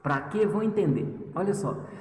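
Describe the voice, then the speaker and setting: Chatty teacher in an echoey room. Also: male voice, sits high, lively intonation, moderate pace, distant mic, a little hiss or hum. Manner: chatty, teasing, talks to students as "gente". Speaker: histology teacher. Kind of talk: lively video lesson.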